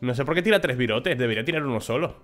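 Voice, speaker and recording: A man from gives rapid, casual let's-play commentary, full of swearing asides. His voice sits at an ordinary middle pitch. Faint game music plays underneath. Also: animated, a bit bright. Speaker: gamer.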